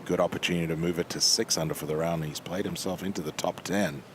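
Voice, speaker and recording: A man's voice: low voice, steady tone, quick pace, noisy background. A man giving live golf commentary in an informal, conversational way, as an analyst.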